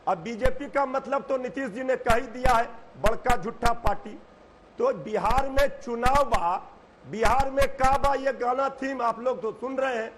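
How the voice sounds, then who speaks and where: A man's voice: extremely high pitch, noisy background. A man arguing combatively as a party spokesperson in a heated TV debate, talking over others. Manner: combative, pleading then shouting over others.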